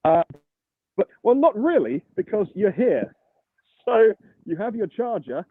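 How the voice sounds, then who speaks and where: A man's voice: sits high, measured pace, husky, no echo. A man chatting casually on a video call from his car, his audio breaking up over a bad connection. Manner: relaxed, rambling with fillers. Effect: bad connection, audio cutting out. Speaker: guest showing his car. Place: in and around a car. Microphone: phone or laptop on a video call. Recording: tinny, phone-like call line.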